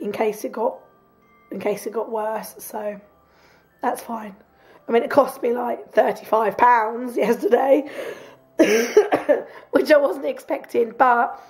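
A woman with a hoarse, croaky voice from a cough, chatting casually in a rambling home video diary and laughing often. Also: on the high side, a little mellow. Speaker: vlogger. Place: home, sofa in front room.

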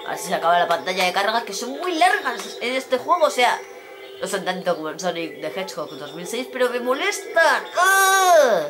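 A woman with a Spain accent and a stuffy, nasal voice from a blocked nose, giving excitable gameplay commentary with loud exclamations. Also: mid-range voice, fairly quick. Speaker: gaming YouTuber. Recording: loud game music behind.

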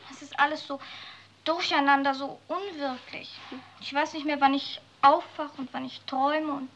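A touchy young woman, high voice, hissy old film track. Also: fairly even intonation, normal speed, a bit bright, dull audio. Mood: dreamy. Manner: defensive, then wistful. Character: young woman, proud and confused in love. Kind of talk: 1950s film acting. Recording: old film soundtrack with clear hiss.

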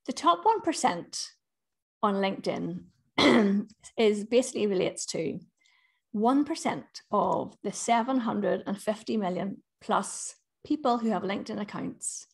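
Northern Irish woman, middle-aged, chatty webinar coach, medium pitch, upbeat. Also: a little slow, gravelly, breathy edge. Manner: chatty, upbeat, lively emphasis. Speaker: business coach. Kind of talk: webinar presentation.

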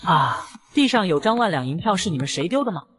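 A man's voice: high-pitched, very animated, fast talker, a bit bright. A man voicing a cheeky, clever boy who is an older brother, with a mocking, teasing manner in a comic recap.

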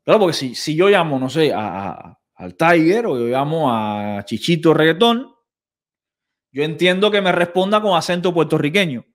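Male reaction commentator, indignant and sarcastic, slightly high pitch. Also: big pitch swings, moderate pace. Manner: sarcastic, indignant, repeats quoted phrases mockingly. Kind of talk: video commentary.

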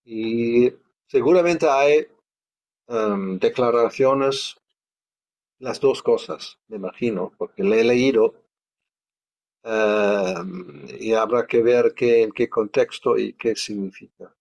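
A man's voice: mid-range voice, slow, creaky, a little mellow, muffled recording. A man teaching a study class in a conversational way, thinking aloud and questioning as he goes.

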